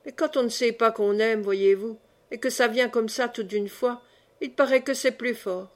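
A woman's voice: fairly high pitch, moderate pace, close to an everyday voice. A woman reading the part of a young peasant woman who speaks with naive, tearful emotion. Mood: tender.

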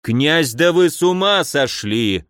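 A man voicing a stubborn middle-aged guard sergeant in an audiobook, talking in a slow, measured, insistent way. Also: fairly high pitch, expressive, fairly bright tone, no room sound, studio quality. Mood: indignant.

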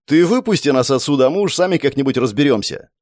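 A man's voice: mid-range voice, expressive, fast, darkish tone, no echo, clean studio sound, natural voice. A man voicing an impulsive, hot-headed young man who blurts out what he thinks, in a storybook reading.

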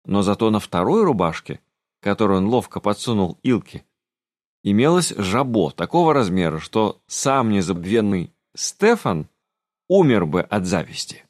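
A man reading a fantasy audiobook in a calm, measured narration. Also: lowish voice, no room sound, clean studio sound. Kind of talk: scripted narration.

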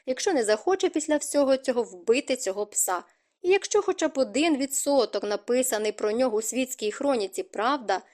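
A woman narrating an audiobook as scripted narration, in an expressive reading. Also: a little high.

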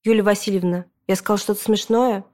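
A woman voicing a pompous middle-aged female registrar in a storybook reading, speaking in a solemn, ceremonial, drawn-out way. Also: medium pitch, steady tone, darkish tone, lightly acted.

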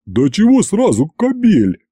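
A man voicing a timid male governor who squeaks and shrieks in a high shrill voice. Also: wildly swooping pitch, a little slow, mellow, breathy edge, dry recording, clean studio sound, exaggerated voice. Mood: squealing.

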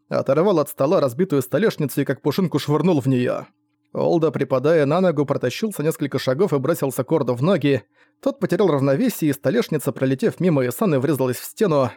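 A man's voice: fairly high pitch, dark tone, no echo, studio quality. A man giving a vivid, dramatic scripted narration of a fantasy novel. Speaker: audiobook narrator.

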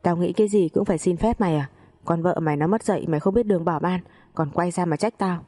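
A bitter, foul-mouthed old mother-in-law from a spoken family story, throwing coarse insults at everyone. A woman reads her in a low, mellow voice. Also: fast, lightly acted. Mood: scornful. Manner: crude shouting insults.

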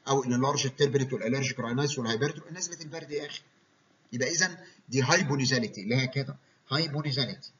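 A man with an Egyptian Arabic accent delivers a medical lecture, explaining terms and checking in with his listeners. His mid-range voice is bright and forceful, with slight roughness. The recording is dull and lo-fi.

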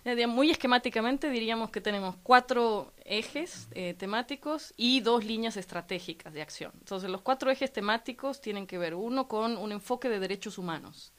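A woman from La Plata whose Argentine accent is mixed with Mexican, explaining her organization's work calmly and fluently as a guest in a radio studio interview. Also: a little high. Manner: measured, fluent, structured explanations with frequent "¿no?" and "digamos". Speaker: guest, coalition president.

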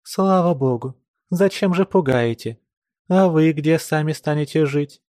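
A male reader voicing a lively, naive young village girl who talks coyly and teasingly. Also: a little high, unhurried, no echo, studio quality, pitched above the performer's own voice, natural voice. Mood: girlish, playful. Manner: playful, coy, teasing.

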